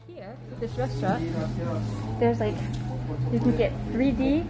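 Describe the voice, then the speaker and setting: A woman in her forties, a vlog host, chatting excitedly into a close-held phone camera in a small quiet cafe. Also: on the high side, a little slow, low-quality recording. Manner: bubbly and gushing, excitable. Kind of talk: casual travel vlog. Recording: loud music behind the voice.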